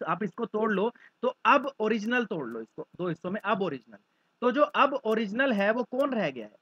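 High bright guy teacher, acts out scenes, dull dry lo-fi sound. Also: no echo. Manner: lively, acts out little scenes. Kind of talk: vocabulary lesson with mnemonics.

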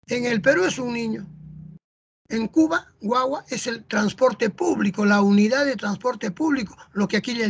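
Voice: mid-range voice, creaky, a bit bright, dull audio, slight background noise. A teacher from Peru with a Peruvian Spanish accent, explaining a lesson in a chatty way, often adding "¿no?" and "¿ah?". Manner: chatty, tags lines with rhetorical "¿no?" and "¿ah?".

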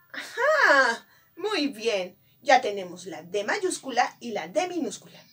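A woman teaching a virtual class to young children, coaxing and animated as she talks straight to the child. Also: a little high, slightly rough. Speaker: preschool teacher.

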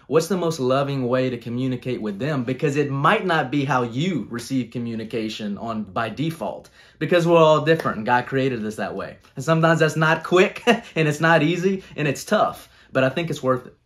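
A man in his thirties, earnest and coaching in tone, talking about leadership on a video call from a small room at home. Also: medium pitch. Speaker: guest speaker on leadership.

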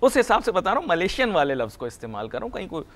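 A man's voice: high-pitched, sing-song, racing, a bit bright. A man hosting a studio business talk show, chatty, jumping in and telling anecdotes. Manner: chatty, jumps in, tells anecdotes. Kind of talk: studio discussion.

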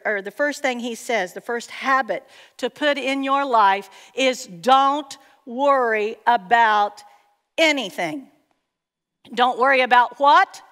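A woman's voice: on the high side, a bit bright. A woman gives an earnest, emphatic teaching talk to an audience at a conference workshop, with playful asides. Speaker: workshop speaker. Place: large hall before an audience. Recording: long hall reverb.

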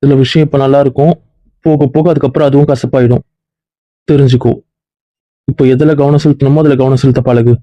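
Male actor as a brisk, reproachful dean; quick, dry, slightly dull recording. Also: mid-range voice, fairly even intonation, no room sound, natural voice. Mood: stern. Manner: lecturing, reproachful. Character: stern male college dean scolding a student. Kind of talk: web series drama acting.

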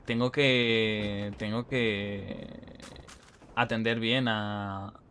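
A man's voice: fairly low pitch, flat delivery, drawn-out words, fairly bright tone, a little hiss or hum. A man with a Madrid Spanish accent giving casual, rambling commentary while streaming a game, full of self-mocking jokes. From Spain. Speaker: gaming streamer.

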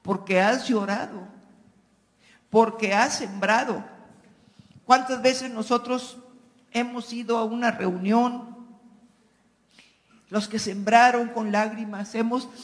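A man preaching a sermon with spoken prayer, swinging from loud pleading to near whispers. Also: extremely high pitch, fairly even intonation, slow pace, long pauses. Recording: long hall reverb.

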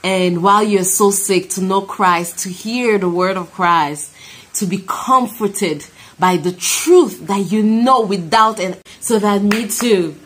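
A woman's voice: medium pitch, slow pace, a little hiss or hum. A woman in her thirties from Cameroon giving a heartfelt, emphatic personal testimony and prayer to camera. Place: small room indoors. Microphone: phone at arm's length.

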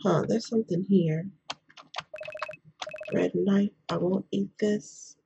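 A young woman hosting a game playthrough in a quiet whisper, chatting casually as she plays. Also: mid-range voice, steady tone, takes it slowly, gravelly, lo-fi sound. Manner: whispering quietly, keeping voice hushed. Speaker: gaming video host. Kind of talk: whispered let's play commentary, casual chat. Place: indoors at home. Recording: noisy background, keyboard and mouse clicks.

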